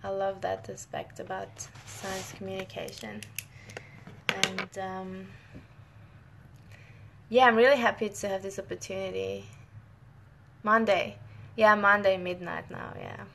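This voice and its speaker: A young northern Italian woman, a scientist and native Italian speaker, chats casually with viewers during a live Q&A stream. Her mid-range, gravelly voice is fairly even and unhurried, with frequent pauses, many restarted sentences, and short laughs in a friendly, chatty way. Background noise is present.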